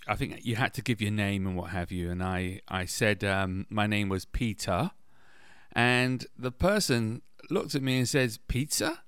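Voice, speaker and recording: A man's voice: fairly low pitch, smooth, dry recording, clean studio sound. Chatty British man telling stories. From England. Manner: chatty and anecdotal, with wry self-deprecating asides. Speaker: podcast host. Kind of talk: casual personal storytelling.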